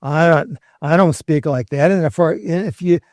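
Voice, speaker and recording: A man's voice: fairly high pitch, moderate pace, a little mellow, dry recording, studio quality. A man speaking as a historian guest on a podcast, explaining in a conversational lecture style with wry humorous asides.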